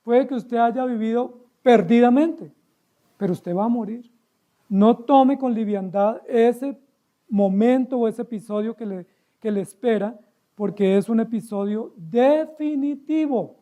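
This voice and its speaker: A man's voice: very high voice, unhurried, dark tone. A man with a Colombian accent preaching an expository sermon as pastor, emphatic and full of rhetorical questions to his listeners.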